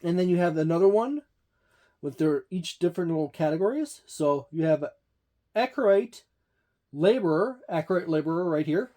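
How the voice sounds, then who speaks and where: The host of a tabletop gaming channel rambles loosely through a book page by page, using many fillers and pointing things out as he goes. It's a casual walkthrough delivered in an animated, mellow, mid-range voice at a moderate pace.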